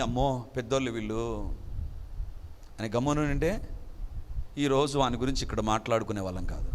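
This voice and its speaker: A man with a high voice preaches a sermon, pressing his listeners with rhetorical questions. He slips English phrases into his talk. The voice carries a long reverb, as in a large hall. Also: fairly bright tone. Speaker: pastor.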